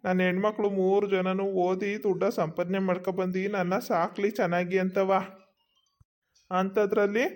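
High-voiced blustering village father. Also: little pitch movement, normal speed. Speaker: drunk father in a comedy skit. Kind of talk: village skit acting.

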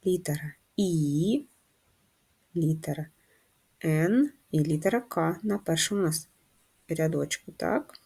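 Woman primary teacher, husky, slightly low voice, patient handwriting lesson for six-year-olds. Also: expressive, a little mellow. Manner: slow, patient, guiding children step by step. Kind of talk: handwriting lesson for first graders.

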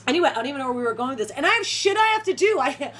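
Chatty woman with a high voice. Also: big pitch swings, very fast, a bit bright, a little hiss or hum. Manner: chatty, rambling, laughs often. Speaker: vlogger. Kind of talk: casual rant to camera.

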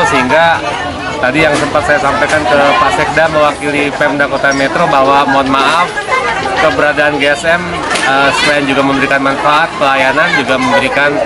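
A man's voice: mid-range voice, heavy background noise. A middle-aged man answering in an interview as a doctor and owner, at an outdoor event booth. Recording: loud crowd at outdoor event.

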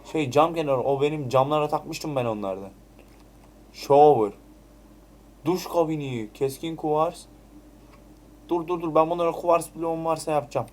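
A man's voice: fairly high pitch, darkish tone. Chatty man muttering through a game. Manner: chatty, swears, mutters and repeats item names. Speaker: Minecraft let's play creator. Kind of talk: casual gameplay commentary.

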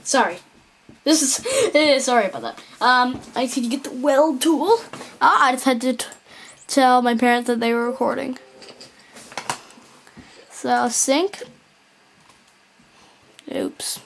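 A woman's voice: high voice, unhurried, pauses often, slight background noise. A woman rambling through casual gameplay commentary, mumbling and correcting herself as she goes. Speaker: gameplay video maker.

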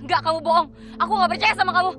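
A very high-voiced young wife, Sheila. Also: female voice, steady tone, racing. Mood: dismissive. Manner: sulky and dismissive, turning to tearful pleading. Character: young wife Sheila, stubborn then desperate. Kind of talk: TV film acting. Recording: film soundtrack with loud music behind.

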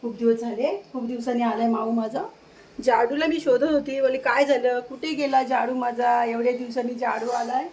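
A woman's voice: a little high, little pitch movement, moderate pace, darkish tone, a little hiss or hum. A woman, vlogging at home and coaxing her cats in a cooing voice. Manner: coaxing, cooing baby talk to pets. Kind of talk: casual vlog talk to her cats. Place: home with pets.

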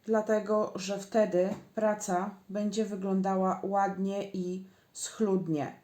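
A woman's voice: mid-range voice, flat delivery, takes it slowly, warm tone. A woman giving a patient, step-by-step crochet tutorial, counting stitches aloud as she works. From Poland. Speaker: crochet instructor. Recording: echoey room.

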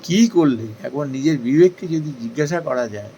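A man giving a devotional talk in an earnest, persuasive way, asking questions and then answering them himself, with rising emphasis that softens again. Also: on the high side, brisk, highs cut off, slight background noise. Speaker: spiritual speaker. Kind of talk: devotional discourse.

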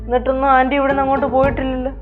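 A woman's voice: high voice, monotone, rapid-fire, narrow, tinny audio, soft background music, natural voice. An actress playing a young woman who questions her relatives in a TV sitcom. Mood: questioning.

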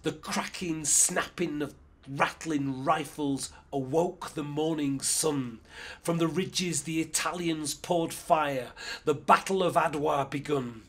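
Slow, husky spoken-word poet, man. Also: on the high side, a bit bright. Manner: measured, rhythmic declamation. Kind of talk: spoken-word poetry performance.

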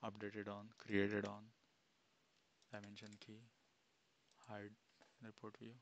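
Low flat-voiced man explaining software steps. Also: takes it slowly, slight background noise. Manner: plain step-by-step, thinking aloud with fillers. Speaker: instructor. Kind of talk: screen-recorded software tutorial. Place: small room indoors. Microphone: headset.

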